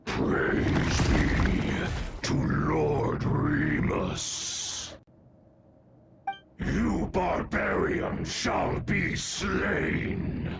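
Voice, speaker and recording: A man playing a solemn ancient guardian golem in a video game, gravelly, halting and ceremonially menacing. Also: a little high, wildly swooping pitch, heavily acted. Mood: solemn menace. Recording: heavy noise under the voice.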